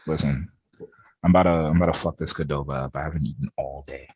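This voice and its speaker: A man's voice: rumbling low, fast, slightly rough, dry recording. A man co-hosting a gaming podcast, talking casually and rambling with lots of fillers over a remote call. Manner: relaxed, rambling with many "like" fillers. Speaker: podcast co-host.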